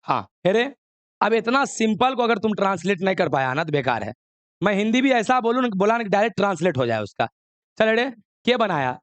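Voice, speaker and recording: Coaxing, high-voiced male teacher. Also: big pitch swings, a little fast, fairly bright tone, no echo. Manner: coaxing, scolding, mixes Hindi with English. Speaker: chemistry teacher. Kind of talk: classroom lesson. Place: classroom.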